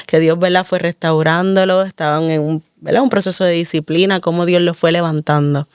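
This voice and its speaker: A woman's voice: fairly low pitch, steady tone, fairly quick, clean tone, dry recording, clean studio sound. A woman hosting a faith interview, asking questions and encouraging her guests with frequent affirmations. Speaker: host.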